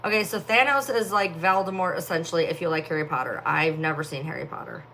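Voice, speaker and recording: The audio is poor, with slight background noise, as a young woman talks fast in a low-pitched, sharp-toned voice. She is casually chatting and reading comments on a phone livestream, sleepy and yawning. Her distinctive voice rambles, full of filler words.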